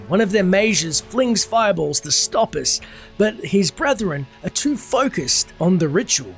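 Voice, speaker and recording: A narrator telling a video game's story in formal, scripted storytelling style. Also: medium pitch. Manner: formal storytelling in first person plural.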